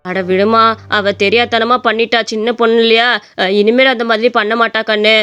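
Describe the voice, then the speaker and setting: A woman voicing a gentle, worried elderly mother-in-law in a cartoon story, speaking softly and fretfully. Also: fairly high pitch, steady tone, fairly quick, clean tone, muffled recording, soft background music, voice pushed down, natural voice. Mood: placating.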